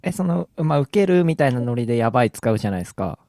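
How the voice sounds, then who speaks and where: A man co-hosting a casual chat, polite and quick to react. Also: mid-range voice, very animated, warm tone, dry recording.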